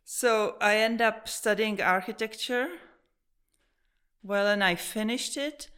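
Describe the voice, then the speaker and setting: A woman's voice: medium pitch, takes it slowly, a bit bright, clean tone. A woman painter from the Czech Republic, a native Czech speaker, talking in English in a casual interview in her studio, hesitant, with frequent restarts and small laughs.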